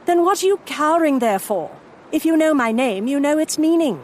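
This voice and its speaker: A woman playing a brisk, commanding Victorian lady Egyptologist who narrates and speaks in crisp, formal sentences, in a full-cast audio drama. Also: sits high, expressive, darkish tone, slight background noise. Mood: coaxing. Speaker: narrator and lead character.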